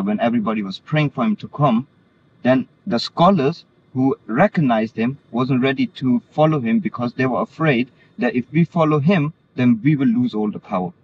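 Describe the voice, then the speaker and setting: In this earnest religious conversation, the Danish interview guest has a mid-range voice with a darkish tone. The sound is muffled and lo-fi, with background noise clearly heard.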